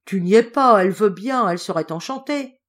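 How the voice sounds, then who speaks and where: A hearty, blustering old general, a doting grandfather who speaks up loudly and warmly, as a woman reader puts him on. His voice rides higher and louder than the storyteller's own. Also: animated, fairly quick. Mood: jovial.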